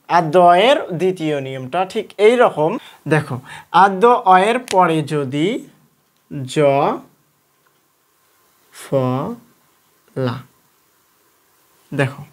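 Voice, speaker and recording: Patient teacher quizzing students. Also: mid-range voice. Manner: patient, repeats each point and quizzes students with questions. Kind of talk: online exam-prep lesson.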